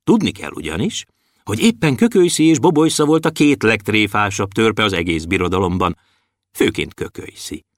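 A man reading a children's story aloud with animated, expressive narration. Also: lowish voice, no room sound, clean studio sound.

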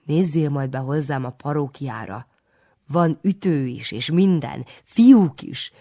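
A reader voicing a jovial village priest who gushes and exclaims in a raised, bright voice. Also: medium pitch, natural voice. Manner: gushing, keeps exclaiming. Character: jovial, effusive middle-aged village priest.

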